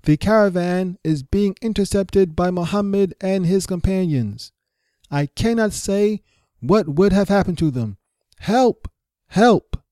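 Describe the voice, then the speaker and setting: A man shouting as a frantic desert messenger. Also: sits high, unhurried, no echo, studio quality, pitched above the performer's own voice. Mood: frantic alarm. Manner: shouting, desperate pleading. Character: frantic male desert messenger crying alarm.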